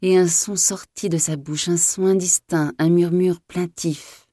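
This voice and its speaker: A woman narrating a story in a measured, dramatic reading. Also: fairly low pitch, fairly even intonation, warm tone, dry recording, studio quality.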